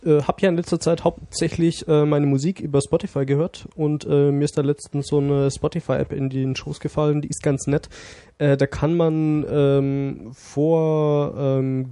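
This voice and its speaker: Man, flat monotone, mellow, hesitant easygoing podcast chat. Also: mid-range voice, measured pace, few pauses, dry recording. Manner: hesitant, many fillers, easygoing. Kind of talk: casual chat.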